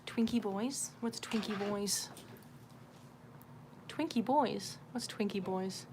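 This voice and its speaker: Medium-pitched and slightly dark in tone, this livestream host's voice moves slowly as she chats casually while drawing. She's informal, swears freely and pokes fun at herself, with background noise and room ambience clearly audible.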